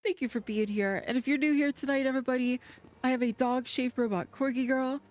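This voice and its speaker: Fairly quick and steady in tone, this woman's voice sits high yet sounds darkish as she livestreams a game. She chats casually in a cute, friendly anime-streamer style over background video game music.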